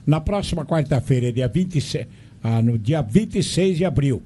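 A man reading local community announcements on the radio, listing dates and places in a measured way. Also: medium pitch, expressive, dark tone, slight background noise.

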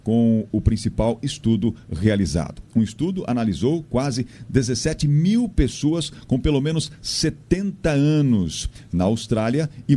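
Dark-voiced male radio newsreader. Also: medium pitch. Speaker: radio news presenter. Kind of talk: read news bulletin.

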